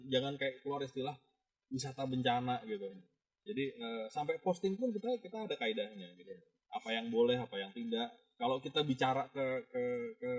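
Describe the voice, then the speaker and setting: A man on a podcast as a rescue-team guest, explaining things carefully with hesitant restarts. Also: medium pitch. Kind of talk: casual chat.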